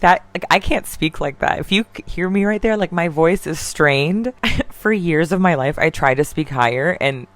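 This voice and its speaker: A woman with a deep contralto voice giving an opinionated commentary monologue in a chatty way, full of fillers and restarts. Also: lively intonation, normal speed. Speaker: online drama commentator.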